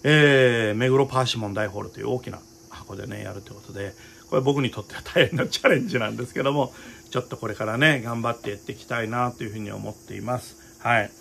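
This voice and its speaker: Male host, middle pitch, gravelly, earnest and rambling with many fillers. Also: quick pace, fairly bright tone, a little hiss or hum. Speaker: opera director and show host. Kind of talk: casual talk to viewers.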